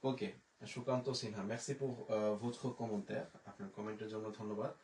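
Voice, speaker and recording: A man teaching French pronunciation in a live online lesson, spelling words out letter by letter and repeating each word slowly. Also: fairly low pitch, fairly even intonation, darkish tone. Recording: echoey room, distant mic.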